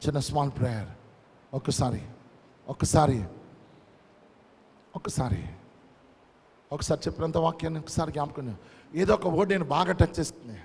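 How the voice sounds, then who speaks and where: Man, pastor, sermon, high voice, emphatic repetition, reverberant hall. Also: creaky, darkish tone, slightly rough. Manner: preaching with emphatic repetition, mixing in English phrases.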